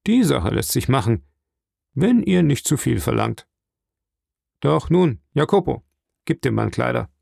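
A gruff captain of a small sailing boat, skeptical and brisk, weighing up a stranger in a storybook reading, as a man voices him. The voice is dark and gravelly. It is recorded close, with no room sound. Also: mid-range voice, very animated, dry recording, full character voice. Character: doubtful, gruff male ship's master. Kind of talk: audiobook reading.

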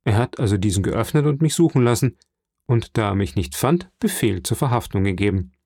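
A man's voice: fairly low pitch, animated, a little fast, darkish tone, breathy edge, no echo, studio quality. A man voicing a young, ambitious royal prosecutor who speaks formally and courteously. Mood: earnest.

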